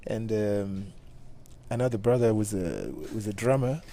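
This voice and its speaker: A middle-aged man from Cameroon, a bassist talking casually in an interview with many halting restarts. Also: mellow. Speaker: guest bassist.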